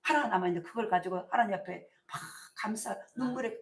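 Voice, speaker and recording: Animated woman pastor. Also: medium pitch, fast. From South Korea. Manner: animated storytelling, colloquial, rising to emphatic bursts. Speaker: senior pastor. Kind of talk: sermon. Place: church sanctuary. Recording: echoey church sanctuary.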